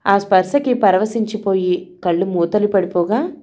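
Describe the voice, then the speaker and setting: A woman narrating an audio novel in a steady storytelling way. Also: medium pitch, moderate pace. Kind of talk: scripted narration.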